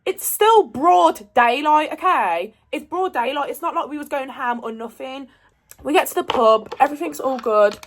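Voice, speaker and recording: A woman's voice: high-pitched, normal speed. Chatty woman telling a storytime. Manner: chatty, rambling, swears freely. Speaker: storyteller vlogger. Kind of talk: casual storytime vlog.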